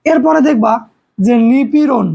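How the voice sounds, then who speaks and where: Gravelly-voiced man teaching physics. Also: very high-pitched, a little slow, a little mellow. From Bangladesh. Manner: explains step by step with everyday examples and rhetorical questions. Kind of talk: recorded classroom lecture.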